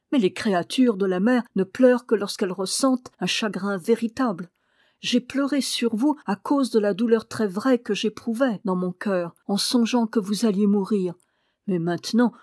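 Sorrowful, dignified male shark-man, read by a woman narrator; storybook tone, mid pitch, dry sound. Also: mellow, no echo, lightly acted.

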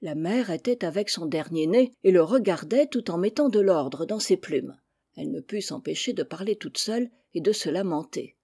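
Mellow husky woman reading a storybook. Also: fairly low pitch, lively intonation. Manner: gentle, measured storybook narration. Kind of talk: reading a children's story aloud.

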